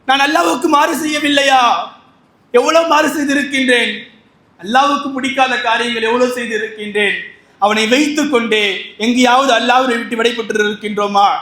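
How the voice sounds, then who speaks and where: A man's voice: extremely high pitch, a bit bright. Guy preaching a sermon, really fired up, keeps repeating himself and asking questions, roomy echo. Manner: impassioned, repeats lines and asks rhetorical questions. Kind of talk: Ramadan sermon on repentance. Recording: echoey room.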